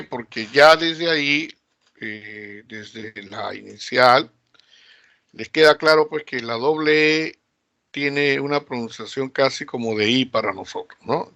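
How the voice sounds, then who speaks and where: Slow-talking Peruvian teacher lecturing. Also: male voice, medium pitch, fairly bright tone, dry recording. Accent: Peruvian Spanish. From Peru. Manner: slow, drawn-out delivery with many fillers and rhetorical questions. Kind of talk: recorded classroom lecture.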